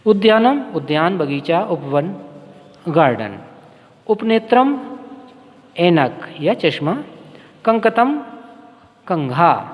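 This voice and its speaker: A man teaching a language lesson, drilling words slowly and carefully, then giving their meanings. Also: on the high side, in a large hall. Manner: slow, careful drill pronunciation with translations. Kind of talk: classroom lesson.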